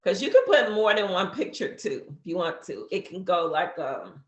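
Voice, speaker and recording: A woman's voice: on the low side, big pitch swings, normal speed, dull audio. Roomy-sounding woman in her fifties coaching. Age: 50s. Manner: chatty, explains step by step with fillers. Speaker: business coach teaching social media. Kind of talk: casual how-to walkthrough.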